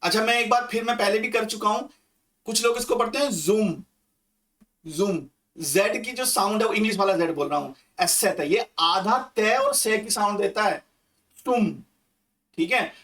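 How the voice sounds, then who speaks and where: A man with an Indian accent teaching German grammar, patiently repeating and reading example sentences slowly. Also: sits high, a bit bright, recorded from a distance. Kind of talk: slow explanatory grammar lesson.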